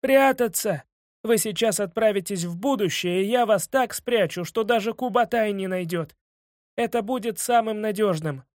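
A man's voice: high-pitched, normal speed, no room sound, studio quality, pitched above the performer's own voice, natural voice. Koshchei, cackling villain sorcerer, voiced by a man. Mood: scheming. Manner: cackling, theatrical, loud and mocking. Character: gleeful trickster sorcerer Koshchei, old male villain. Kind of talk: audiobook character voice.

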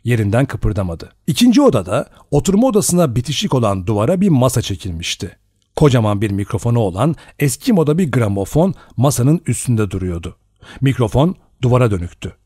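A man narrating an audiobook in a measured, expressive storytelling manner. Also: medium pitch, breathy edge, no room sound, clean studio sound. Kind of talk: scripted narration.

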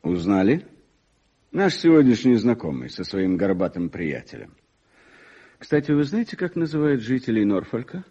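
Commanding detective, old radio show acting, husky mellow voice, very animated intonation, clipped and shrewd, dull recording. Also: male voice, on the low side. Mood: shrewd, wry. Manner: brisk, clipped, self-assured. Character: brisk, commanding, shrewd police detective, courteous to strangers.

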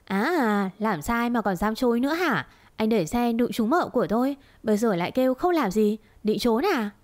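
Woman voicing a shrill feisty servant girl. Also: normal speed, natural voice. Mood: shrill indignant. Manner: high-pitched pleading and shrill scolding. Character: young female servant girl, anxious and feisty.

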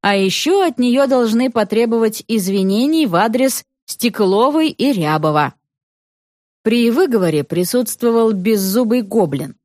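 A woman narrating an audiobook story with an expressive, dramatic reading. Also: fairly high pitch, measured pace, no room sound, clean studio sound.

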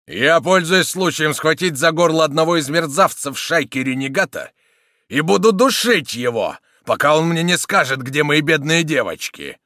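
A man's voice: mid-range voice, very animated, normal speed, a bit bright, dry recording, clean studio sound. A man voicing a blunt, hot-tempered old soldier in an audiobook. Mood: furious. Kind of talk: audiobook character reading.

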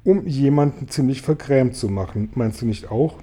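A man puts on a gentle female ladybird who leans in and whispers her thoughts. The voice is soft, dark and husky, with an unhurried storybook warmth. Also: medium pitch, natural voice. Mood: confiding. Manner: whispering confidingly. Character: ladybird, kindly motherly female insect.

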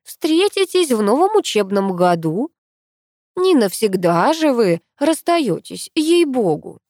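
A fretful, caring old grandmother, as a woman reader puts her on, drawing out her words slowly and gently. The voice sits fairly high and the sound is dry and close, with no room around it. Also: big pitch swings, dry recording, heavily acted. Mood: soothing.

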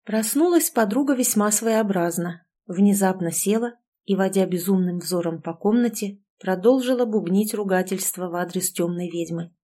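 A woman narrating a storybook aloud, with a mid-range pitch for a woman. Her delivery is measured and expressive, as in scripted audiobook narration.

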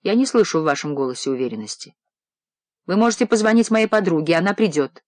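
A woman's voice: fairly low pitch, lively intonation, quick pace, darkish tone, dry recording, natural voice. A male reader voicing Marina, an ill, proud young woman who speaks with dry, clipped sarcasm, in an audiobook. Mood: wry, feverish.

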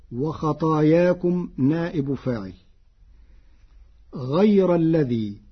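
A man from Egypt with a slightly raised, husky voice gives a formal lesson on Quranic readings and chants each quoted word slowly and deliberately. His pace is unhurried throughout. The sound is a dull, lo-fi archival radio recording. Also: a little high. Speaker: Quran scholar presenting on radio.

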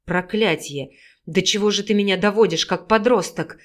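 A gruff male werewolf, as a woman reader puts him on growls his lines in a husky, commanding tone. He sounds possessive and rough at the edges, read as part of an audiobook. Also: mid-range voice, normal speed, natural voice. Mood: growling.

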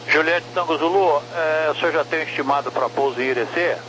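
A man's voice: fairly high pitch, a little fast. A Brazilian man working as an approach air traffic controller, giving courteous, informal instructions in radio phraseology over an aviation radio link. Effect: aviation radio transmission. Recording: noisy aviation radio with hum.

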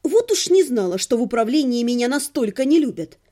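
Reading a comic fantasy audiobook in the first person, this narrator has a slightly high, dark-toned voice with big pitch swings and a fairly quick pace. She delivers it with wry irony.

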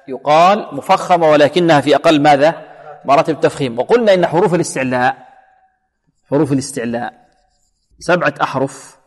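Man teaching recitation, slightly high voice. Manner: asks the class questions and answers them himself; models syllables slowly and repeats them for practice. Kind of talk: tajweed lesson. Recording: long hall reverb.

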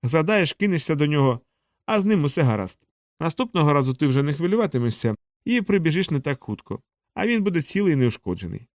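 A man's voice: a little high, big pitch swings, fast, a little mellow, no echo, clean studio sound, voice pushed up. A man voicing a cruel, bullying older boy who taunts and threatens his younger brother. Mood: gloating.

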